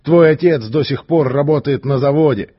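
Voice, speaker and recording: A man voicing a calm, stern and fearless male gymnast who speaks in a firm, commanding way. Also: on the high side, moderate pace, husky, highs cut off, voice pushed up.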